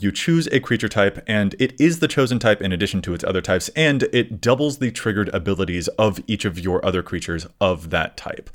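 Brief: male podcast co-host, lowish voice, animated, laughs easily, explains at length. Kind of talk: casual podcast chat.

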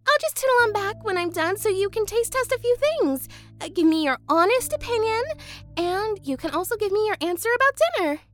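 Baby-doll-voiced preschool teacher, gushy, cooing, very high, bouncy. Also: female voice, animated, fairly quick, fairly bright tone. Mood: chipper cooing. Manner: cooing, sweetly condescending. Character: gushy, chipper young woman preschool teacher. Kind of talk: audio drama acting.

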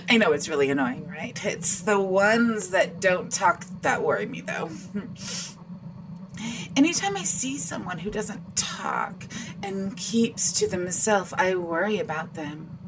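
A woman's voice: mid-range voice, big pitch swings, slow pace, background noise. An actress playing a playful female android who reads minds and taunts her opponent with laughs. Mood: teasing. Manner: teasing, mocking, laughs between lines. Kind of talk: audio drama acting.

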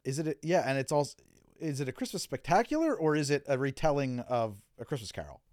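A man's voice: mid-range voice, sing-song, fast talker, darkish tone. A man co-hosting a casual chat podcast, joking and laughing often. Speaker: podcast co-host.

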